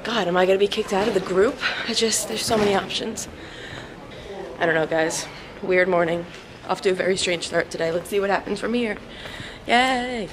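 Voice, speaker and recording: A young woman vlogging in a casual, chatty way, hoarse from a cold and quick to laugh at herself. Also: mid-range voice, background noise. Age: young adult. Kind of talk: casual vlog chat to camera.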